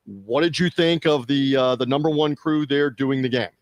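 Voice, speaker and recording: A man hosting a sports media podcast, chatting casually with fillers and quick restarts. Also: medium pitch, no room sound. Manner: conversational, fillers and restarts, reads out show plugs.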